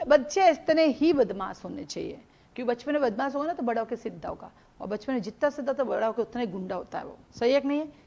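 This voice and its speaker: Lady teaching law live, fairly high voice, chatty stories, repeats stuff so students write it down. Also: quick pace, creaky. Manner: animated storytelling with everyday examples; mixes Hindi with English legal terms. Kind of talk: live classroom lecture.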